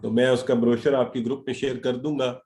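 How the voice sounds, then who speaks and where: A man's voice: mid-range voice, level tone, dark tone. A middle-aged man teaching a grammar lesson over a video call, encouraging and dropping English words into his talk. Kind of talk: online class lecture.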